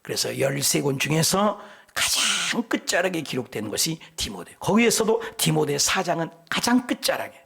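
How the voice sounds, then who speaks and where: A middle-aged male pastor preaching a sermon, animated and joking, often dropping into emphatic whispers. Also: on the high side, normal speed, creaky, husky. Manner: tells folksy jokes between scripture points.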